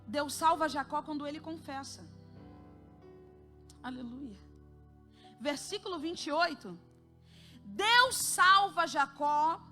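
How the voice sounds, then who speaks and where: A woman with a Brazilian Portuguese accent preaching a sermon at a church service, moving between hushed and emphatic delivery. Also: sits high.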